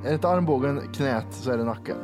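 A man's voice: medium pitch, over music. A man in his thirties with a Värmland accent, co-hosting a podcast in casual, self-mocking chat with easy swearing. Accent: Värmland Swedish. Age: 30s. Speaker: podcast co-host.

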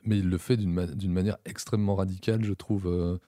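A man with a deep, suave voice, discussing casually as a panelist and haltingly repeating words as he thinks. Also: fairly even intonation, warm tone, no echo, studio quality. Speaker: film show panelist.

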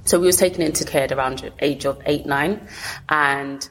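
A woman's voice: low voice, moderate pace, a little hiss or hum, poor audio. A woman with a south London accent telling her own story candidly in an interview, in colloquial, often rephrased bursts. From south London, England. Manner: colloquial, talks in short bursts with frequent rephrasing. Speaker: interview guest.

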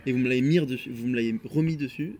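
A young man co-hosting a podcast, chatting fast and animated with friends. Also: mid-range voice, slight background noise. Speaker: podcast co-host. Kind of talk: casual chat.

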